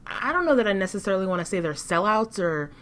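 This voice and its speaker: A woman co-hosting a podcast in casual discussion, measured and critical, often restarting her sentences. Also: medium pitch, sing-song, over a noisy crowd. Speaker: podcast co-host.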